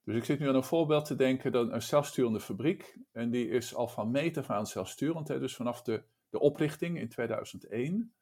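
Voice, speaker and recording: A man's voice: medium pitch, a little fast, hardly any pauses, a little mellow. A man leading a discussion, speaking thoughtfully and often restarting his phrases. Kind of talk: casual discussion.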